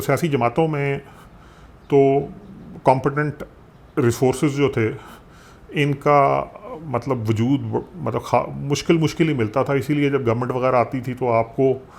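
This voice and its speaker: A man with a Pakistani Urdu accent explaining economics in a conversational way, animated and sprinkling in English phrases. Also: mid-range voice, gravelly. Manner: animated, mixes English phrases, frequent fillers. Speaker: economics commentator.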